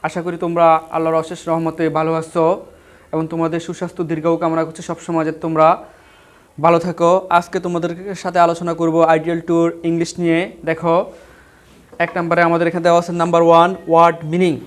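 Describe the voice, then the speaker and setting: A man's voice: on the high side, completely flat delivery, fast talker, clean tone. A male teacher giving an online vocabulary lesson, spelling each word letter by letter and then repeating questions about how it is said and what it means.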